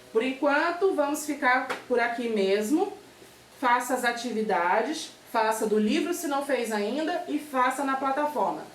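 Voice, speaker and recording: High-voiced teacher, slow and patient. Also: female voice, a little hiss or hum. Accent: Brazilian Portuguese. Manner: patient, spells out examples, frequent "ok?" checks. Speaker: primary school teacher. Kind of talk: remote class lesson. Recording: echoey room, far from mic.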